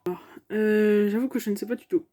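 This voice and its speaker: A young woman chats casually over her gameplay, pausing often with fillers as she thinks aloud about her choices. Her voice sits at a middle pitch for a woman. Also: mellow. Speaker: video game streamer.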